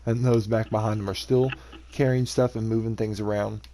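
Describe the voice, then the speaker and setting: A man's voice: fairly low pitch, level tone, moderate pace, dark tone, a little hiss or hum. A man narrating a tabletop role-playing game as game master, describing the scene loosely with many fillers.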